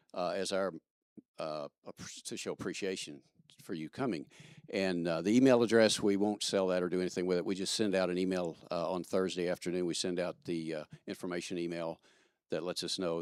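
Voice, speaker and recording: A man's voice: lowish voice, no echo, studio quality. A man from Kentucky giving church announcements as platform assistant, chatty and joking with many fillers. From Kentucky, USA. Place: church service.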